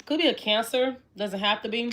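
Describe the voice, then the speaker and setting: A woman in her twenties gives a casual tarot reading in a slightly high, slightly fast voice. She is chatty and repetitive and talks directly to her viewers. Card shuffling is clearly audible, along with clicks in the background.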